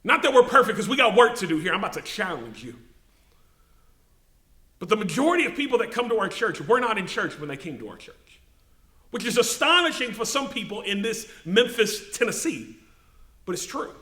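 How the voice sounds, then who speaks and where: A pastor preaching a sermon, swelling to emphatic peaks and slowing to stress key words. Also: male voice, sits high, very animated, bright, forceful tone, echoey room. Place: church sanctuary.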